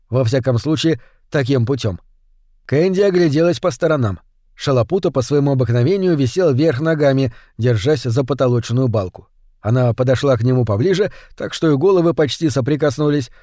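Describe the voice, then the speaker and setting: A man narrating a fantasy audiobook in a steady storytelling manner. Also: medium pitch, no room sound, studio quality. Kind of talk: scripted narration.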